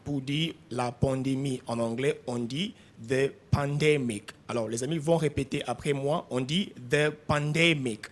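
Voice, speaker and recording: Man drilling English words slowly. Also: medium pitch, fairly even intonation. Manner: repeats each word slowly for learners to echo. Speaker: English vocabulary teacher. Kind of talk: classroom drill lesson.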